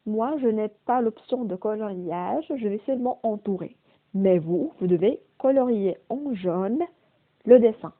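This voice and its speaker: A woman teaching a primary school phonics lesson, slowly repeating and stressing each word's sounds. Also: medium pitch, lively intonation. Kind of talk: slow, deliberate remote phonics lesson. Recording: phone-quality, narrow-band audio.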